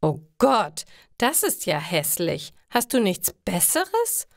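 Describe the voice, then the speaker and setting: A woman's voice: fairly low pitch, wildly swooping pitch, slow, vocal fry, no echo, studio quality, full character voice. A woman voicing a bossy, self-important young girl who snaps demands at her friend. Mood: bossy, snippy. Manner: demanding and snippy.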